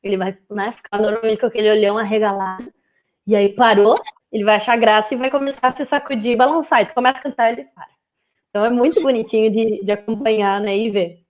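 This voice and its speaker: A woman's voice: on the high side, fast. A young woman, a music teacher chatting casually in a live stream, now and then singing short playful bits of children's songs. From southern Brazil. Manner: lively, sings short playful phrases to show children's songs. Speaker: music teacher and speech therapist guest.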